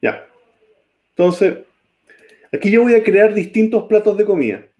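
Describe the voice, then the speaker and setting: A man's voice: sits high, big pitch swings, measured pace, warm tone. A man teaching a programming class, typing code as he talks and often checking that students follow. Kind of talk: live-coding class.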